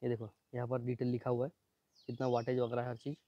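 A man doing a fast, chatty unboxing demo, pointing things out again and again as he shows each part. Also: mid-range voice, monotone, dry recording, highs cut off. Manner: fast, chatty, repeats "ye dekho" constantly. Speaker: product reviewer. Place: at home near a building site.

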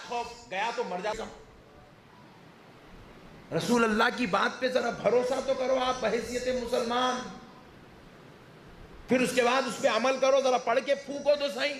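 A male preacher delivers a sermon with a jokey, mocking edge. His voice sits high and rings through a reverberant hall. A faint hiss of noise hangs behind him. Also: measured pace, long pauses, fairly bright tone. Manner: jokey, mocking, acts out people's sayings. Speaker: Islamic preacher.

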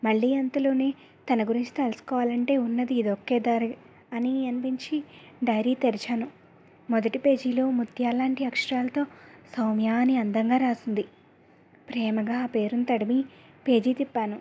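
A woman narrating a first-person love story aloud in a calm, measured storytelling manner. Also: a little high, slight background noise. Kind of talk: reading an audio story aloud. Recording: dull lo-fi recording.

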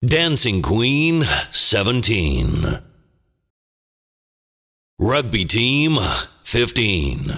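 Gravelly movie-trailer announcer calling bingo. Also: male voice, big pitch swings, sharp tone, heavily acted. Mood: dramatic, portentous. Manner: theatrical, deliberate, clipped phrases. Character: booming, dramatic male movie trailer announcer. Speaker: bingo caller. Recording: long booming reverb.

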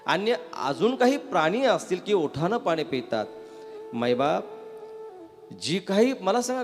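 A man preaches a devotional katha, his high voice swinging widely as he coaxes the crowd to answer. His voice rings with a long hall reverb, and soft instrumental music plays faintly beneath. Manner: lively, coaxing the crowd to answer back. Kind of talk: devotional sermon to a live audience.

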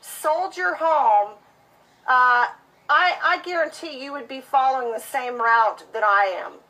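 A woman's voice: sits high, a little slow, sharp tone, poor audio. A woman customer complaining in a heated phone conversation, indignant and insistent.

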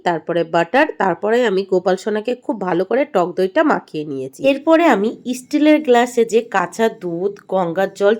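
This is a middle-aged woman with a Bengali accent, narrating her own home video. She explains each step gently and carefully, in a patient, instructive tone, like a vlogger guiding her viewers. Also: mid-range voice. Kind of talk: voice-over explaining a home ritual.

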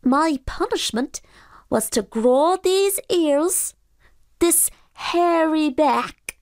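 A woman voicing a male pooka, a donkey-like spirit who was once a lazy servant, speaking slowly and courteously. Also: high-pitched, expressive, a little mellow, no echo, studio quality, voice pushed up, full character voice. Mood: confessing. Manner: slow, drawn-out and courteous.

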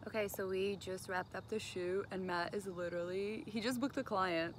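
A woman's voice: medium pitch, steady tone, normal speed, a little hiss or hum. A woman chatting casually in a behind-the-scenes vlog, upbeat and full of "like". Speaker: model and vlogger. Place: outdoors in woods and a car.

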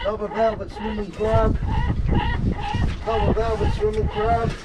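A man's voice: high-pitched, little pitch movement, normal speed. A young man narrating casually to viewers while hauling fishing pots, counting his catch aloud on a small open boat at sea, picked up by an action camera. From Guernsey. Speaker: fishing vlogger. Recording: loud wind and engine noise. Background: wind, water and boat engine.

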